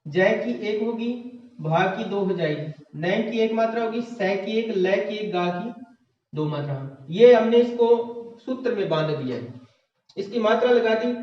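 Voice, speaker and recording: Male teacher, fairly high voice, slow patient dictation, heavy classroom echo. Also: lively intonation. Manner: slow, step-by-step dictation to students. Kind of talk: online class lecture. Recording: distant, echoey, dull lo-fi classroom recording.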